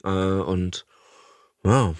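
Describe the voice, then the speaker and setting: A man's voice: low voice, very slow, no room sound, clean studio sound. A man co-hosting a podcast, hesitant with many fillers and a teasing manner. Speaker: podcast co-host. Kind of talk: casual chat.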